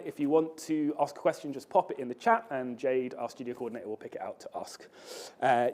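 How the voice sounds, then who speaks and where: A man with a somewhat high but mellow, warm voice opens a studio talk. He works through notices and the guest introduction with plenty of ums and uhs. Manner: reads housekeeping notices with fillers. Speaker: studio host introducing speaker. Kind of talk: event introduction.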